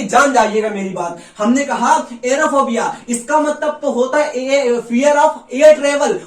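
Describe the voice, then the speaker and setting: A man's voice: very high voice, roomy sound, distant mic. A male teacher leading an exam-prep vocabulary lesson, drilling words by repeating them and checking whether the class has understood.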